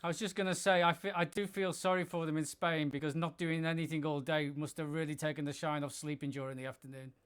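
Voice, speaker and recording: A man's voice: a little high, steady tone, fast talker, hardly any pauses, fairly bright tone, clean tone. A man on a comedy panel show, joining from home and trading dry one-liners. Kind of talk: casual comedic banter.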